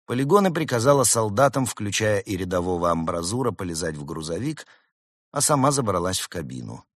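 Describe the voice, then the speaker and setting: A man's voice: lowish voice, very animated, fairly quick, no room sound, studio quality. A man reading a children's storybook aloud, narrating expressively and voicing the characters.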